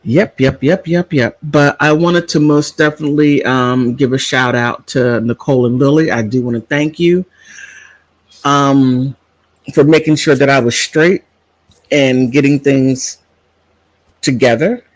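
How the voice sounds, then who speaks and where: A man's voice: medium pitch, unhurried, no echo, poor audio. A middle-aged man chatting in a casual vlog, sassy and digressive, wandering off topic and back. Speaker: vlogger.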